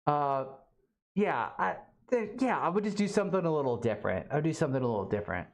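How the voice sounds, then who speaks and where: A livestream host from Alabama chats casually from a home studio, halting and rambling with many fillers and restarts. The voice is medium-pitched and expressive.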